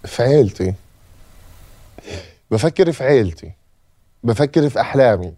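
A man's voice: medium pitch, lively intonation, moderate pace, warm tone, dry recording. A man from Gaza with a Palestinian accent gives an emotional personal testimony as a podcast guest and repeats phrases for emphasis. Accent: Palestinian Arabic.

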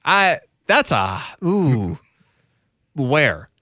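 Bright, animated man bantering. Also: on the high side, drawn-out words, no echo, clean studio sound. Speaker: sports radio co-host. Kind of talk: casual banter. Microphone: close studio microphone.

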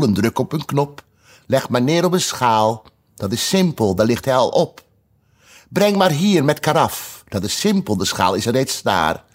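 A man voicing a gentle, cooing queen reciting a rhyme in a storybook. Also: medium pitch. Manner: soft, cooing.

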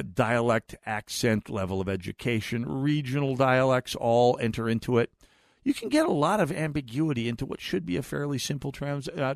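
A middle-aged American man hosts a talk radio show, his mid-range voice gravelly as he delivers a chatty, digressive monologue. He restarts often, repeating words when he does. The studio sound is clean, with no room sound.

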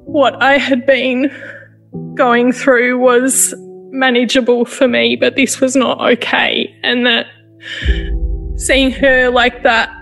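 A woman in her thirties tells her own story with a fairly high voice. She speaks haltingly and with feeling, often breaking off and starting her sentences again. Soft music plays faintly behind her. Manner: halting, emotional retelling with restarts. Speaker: interviewee. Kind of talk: personal testimony.

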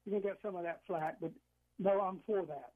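A man's voice: sits high, a little fast. A man from Georgia calling in to a radio talk show over the phone, emphatic and insistent, repeating his points. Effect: heard over a phone line. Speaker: radio call-in caller. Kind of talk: call-in opinion talk. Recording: tinny phone line.

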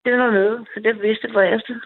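A woman's voice: fairly high pitch, steady tone. A woman calling in to a night radio show, telling a personal story in a rambling, eager way with many restarts. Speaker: caller. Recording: tinny phone line.

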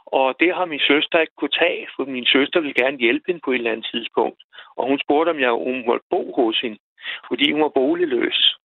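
A man calling in to a radio show, telling a personal story in a halting way, repeating words as he goes. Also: medium pitch, no room sound. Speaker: radio caller. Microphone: telephone. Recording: tinny phone line, dry.

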